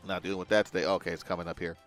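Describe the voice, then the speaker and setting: A man's voice: sits low, flat delivery, rapid-fire, a bit bright, faint music behind. A man giving casual let's-play commentary as he hosts a gaming video.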